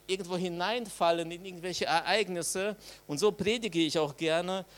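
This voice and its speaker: A man preaching an Easter sermon. He talks to the congregation in a casual, direct way, with colloquial asides, and leans hard on key phrases. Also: fairly high pitch. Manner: emphatic, swells louder on key phrases.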